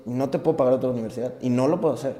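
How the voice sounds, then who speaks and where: A man's voice: mid-range voice, very fast, dark tone. A young man from Tabasco with a Mexican accent, a rapper telling his story in a casual interview in an earnest, reflective way. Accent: Mexican Spanish. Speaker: guest, rapper.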